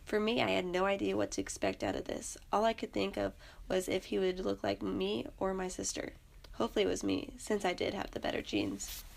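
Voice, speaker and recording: Young woman reading a story, gravelly. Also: medium pitch, expressive, fairly quick. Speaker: student narrator. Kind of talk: personal story read aloud.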